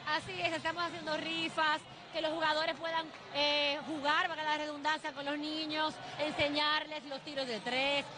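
A young woman from Santiago, Dominican Republic, with a Dominican accent, is a sports journalist and team spokesperson interviewed live on an outdoor neighborhood basketball court. The interviewer holds a handheld mic, and outdoor crowd noise surrounds her. Her high-pitched, level voice moves at normal speed with few pauses, fluent and upbeat.

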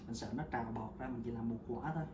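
In his home kitchen, a man from Vietnam in his thirties gives a casual how-to for a homemade recipe, talking chattily and often hesitating, at medium pitch and a quick pace. A camera mic sitting on the counter records him distantly and off-mic in a roomy space with loud background noise.

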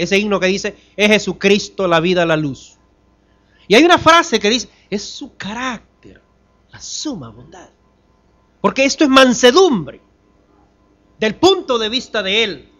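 In a church, a male pastor preaches a sermon, putting rhetorical questions to the congregation. His delivery swings between loud emphasis and soft, low drops.

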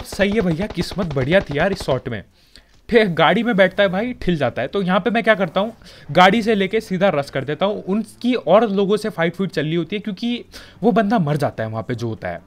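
High-voiced chatty young man with a Hindi accent. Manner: chatty, joking, colloquial filler-heavy. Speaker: gaming commentator. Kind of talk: casual gameplay commentary.

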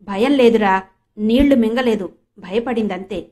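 A woman's voice: on the high side, a little slow, mellow, lightly acted. A woman voicing a jovial, teasing young village man who banters cheekily in an audiobook reading.

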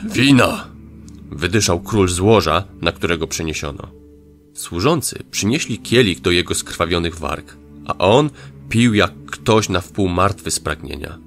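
Male audio drama narrator, deep and measured, over faint music. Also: expressive, creaky, a bit bright.

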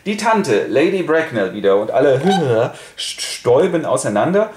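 A man hosting a casual, colloquial retelling of a classic comedy, bouncing quickly between quoted lines. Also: mid-range voice, big pitch swings, darkish tone, a little hiss or hum. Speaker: host. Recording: roomy echo.

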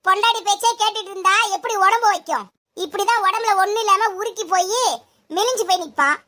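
A woman playing a sharp-tongued mother-in-law who scolds and hurls insults at her daughter-in-law in a comedy sketch. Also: extremely high pitch, quick pace. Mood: scolding. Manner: scolding, name-calling.

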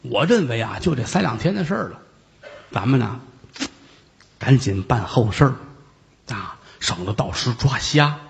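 A fawning, scheming young nephew, voiced by a male storyteller. His voice leaps about with fake worry and bluster, in a lively storybook delivery. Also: medium pitch, normal speed, creaky, pauses often. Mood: fake concern. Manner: fawning and falsely concerned. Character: scheming greedy young nephew, two-faced.

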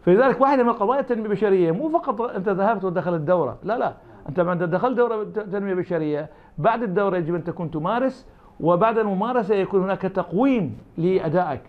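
Man, Iraqi Arabic accent, interview guest, very rapid argumentative delivery, dull lo-fi sound. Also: high-pitched, animated. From Iraq. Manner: argumentative, uses imagined dialogues. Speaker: academic guest. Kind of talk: interview answers.

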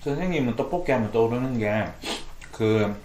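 A man's voice: mid-range voice, lively intonation, moderate pace, a little mellow. A man hosting an eating show, chatting and asking questions with his mouth full of food. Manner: chatty, asks questions, laughs easily. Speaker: mukbang show host. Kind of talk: casual chat while eating. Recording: roomy echo.

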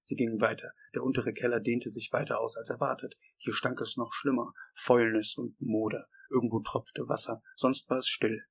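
A man reading a horror story aloud as scripted narration, in a measured, steady way. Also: mid-range voice, creaky, breathy edge, low-quality recording. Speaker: audiobook reader.

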